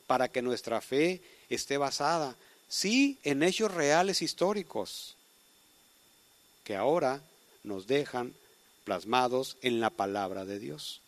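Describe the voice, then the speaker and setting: A man preaching a sermon, emphatic, with sudden swings from soft to loud. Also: mid-range voice, lively intonation, takes it slowly, no room sound.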